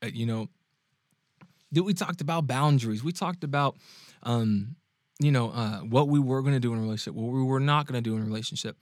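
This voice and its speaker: A man's voice: medium pitch, fairly quick, dry recording. A man with an ordinary mid-range voice shares a personal story on his podcast, recorded dry with no room sound. He talks casually and animatedly, chuckles often and stumbles into restarts as he goes. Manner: animated, laughs often, frequent restarts and check-ins with the listener. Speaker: podcast host and dating coach.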